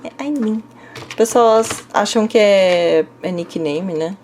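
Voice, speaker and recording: A woman's voice: medium pitch, slow, darkish tone, a little hiss or hum. A young woman with a São Paulo Brazilian accent, casually answering viewer comments as a Korean language teacher, full of little fillers. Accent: Brazilian Portuguese, São Paulo. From Brazil, interior of São Paulo state. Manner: chatty, frequent fillers like "né?" and "tá?", laughs a little.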